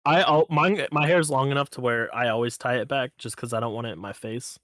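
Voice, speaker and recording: A man co-hosting a podcast in casual chat, telling stories in an easygoing, teasing way with halting restarts. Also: mid-range voice, a bit bright, no room sound, studio quality. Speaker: podcast co-host.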